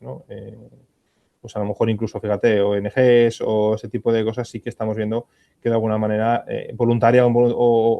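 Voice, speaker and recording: On a conference panel, a Spanish-accented man answers questions as an ESG reporting expert, thoughtful and hesitant, with many fillers and frequent sentence restarts. His voice is on the low side, creaky and warm, with no room sound.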